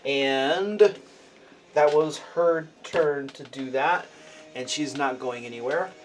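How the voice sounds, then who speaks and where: A man's voice: mid-range voice, slow pace, soft background music. A man acting as game master, narrating and refereeing a tabletop role-playing game in conversational speech.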